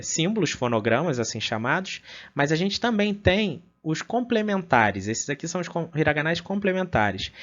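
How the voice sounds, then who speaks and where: A man's voice: fairly high pitch, fairly bright tone. A man teaching a beginner language lesson over slides, often adding "né?" and sounding out syllables one by one. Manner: fills pauses with "né?", spells out syllables slowly. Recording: dull lo-fi audio.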